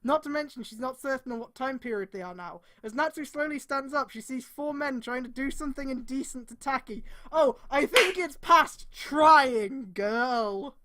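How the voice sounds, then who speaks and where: Her pitch sits high, pushed and bright, as this woman streamer mocks a piece of fan fiction live. She reads with exasperated bursts, drawn-out emphasis, and plenty of swearing.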